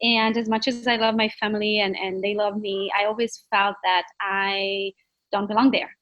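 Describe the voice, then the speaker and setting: A Romanian realtor in her thirties, from Transylvania, tells her personal story chattily and candidly as a podcast interview guest, with a Romanian accent. Her mid-range voice stays level at a moderate pace, and the recording's highs are cut off.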